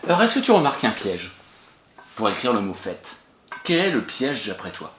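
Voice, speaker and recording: A French-accented male teacher walks young pupils through spelling words one by one, asking questions and cheering each answer. His voice swings up and down with lively, animated pitch, and it rings in a roomy, echoey space. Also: normal speed, a little hiss or hum. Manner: encouraging, patient, questions and praises pupils. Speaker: primary school teacher. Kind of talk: remote spelling lesson for young children.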